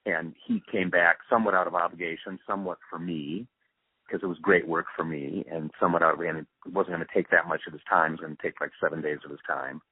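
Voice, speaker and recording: Quick-paced and slightly rough, this low-pitched older-sounding man keeps a fairly even intonation as he looks back on his work as a radio drama producer. He is a guest in a relaxed interview over a tinny, narrowband phone call with no room sound.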